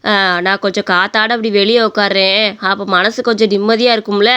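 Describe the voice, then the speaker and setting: A woman's voice: medium pitch, little pitch movement, fairly quick, bright, forceful tone, clear, resonant tone, voice pushed down, close to an everyday voice. A woman voicing an older mother-in-law who frets and fusses over her daughter-in-law. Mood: worried. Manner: fretful, fussing. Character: worried older mother-in-law, fretful and caring.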